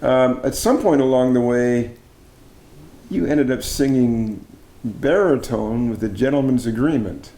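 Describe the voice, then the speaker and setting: Male interviewer, mid-pitched and warm, casual, encouraging the guest along. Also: unhurried. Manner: friendly, prompting with short "wow" and "right".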